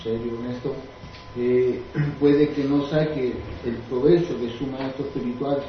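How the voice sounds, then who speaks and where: A man in the class who clears his throat and slowly offers a point and a question. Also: medium pitch, fairly even intonation, slight background noise. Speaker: class member asking questions. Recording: distant, echoey, dull recording.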